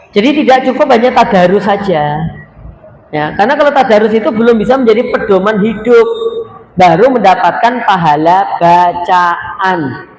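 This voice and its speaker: High-voiced joking Javanese preacher. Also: male voice. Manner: joking, animated, acts out little dialogues. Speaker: preacher at a women's religious study group. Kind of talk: lively sermon to a live audience. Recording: echoey hall with background noise.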